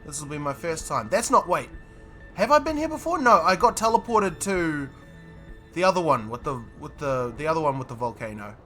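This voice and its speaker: Lively, bright-voiced New man. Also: on the high side, a little fast, soft background music. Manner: chatty, laughs often, thinks aloud. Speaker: streamer. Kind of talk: casual live gameplay chat.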